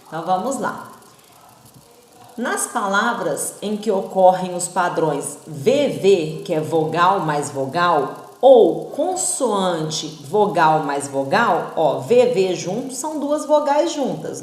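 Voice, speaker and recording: A woman's voice: medium pitch, a little mellow, reverberant. A woman teaching a primary school class, sounding out syllables and asking "right?" checks. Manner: slow, sounds out syllables and vowels, asks rhetorical checks. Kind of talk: recorded online class.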